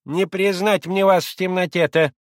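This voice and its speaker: A male reader voicing a frightened old female servant in a high, fussy, quavering voice. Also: fairly even intonation, moderate pace, no echo, studio quality, lightly acted. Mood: chattering.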